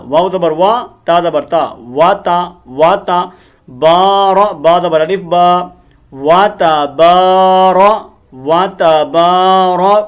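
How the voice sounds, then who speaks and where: High-voiced man teaching recitation. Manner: drills Arabic words slowly, corrects common mistakes. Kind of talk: Urdu recitation lesson.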